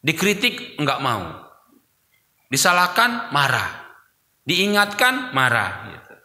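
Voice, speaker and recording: Bright-voiced preacher in an echoey mosque. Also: male voice, a little high, huge pitch swings, slow. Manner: conversational, addresses listeners as Pak, acts out sinners' lines. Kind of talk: dawn mosque sermon. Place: mosque hall.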